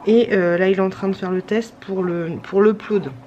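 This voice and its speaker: A woman's voice: mid-range voice, steady tone, moderate pace, dark tone, lo-fi sound. A tired woman, chatting casually to camera at home late at night, rambling with many fillers and restarts. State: a little sick. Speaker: vlogger. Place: home at night, pumping breast milk. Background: breast pump hum.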